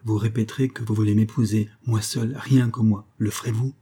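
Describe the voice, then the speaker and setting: Un homme lisant à voix haute incarne un jeune séducteur calculateur qui presse et persuade avec insistance. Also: male voice, lowish voice, little pitch movement, fairly quick, mellow, slightly rough. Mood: persuasive. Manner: insistent and coaxing.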